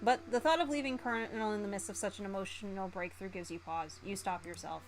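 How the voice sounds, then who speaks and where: Streaming a game, a woman performs the story narration of a visual novel with giggles and theatrical flair. She speaks fast in a medium pitch, with music in the background and slight noise.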